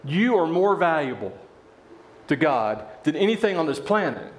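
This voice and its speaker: A man preaching a sermon in a church, telling a parable with animated voices for its characters. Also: fairly high pitch, moderate pace, echoey room. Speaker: pastor.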